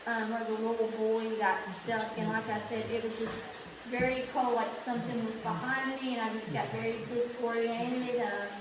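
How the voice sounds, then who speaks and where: A woman's voice: fairly high pitch, level tone, normal speed. A woman with a Southern US accent telling local stories informally as a tour guide inside a cave. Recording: echoey cave, distant mic, faint noise.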